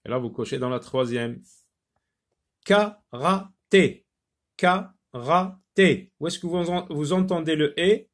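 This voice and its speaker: A man teaching a phonics lesson to children, slowly repeating each word and stressing its syllables. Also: fairly high pitch, darkish tone. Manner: slow, deliberate, repeats words syllable by syllable.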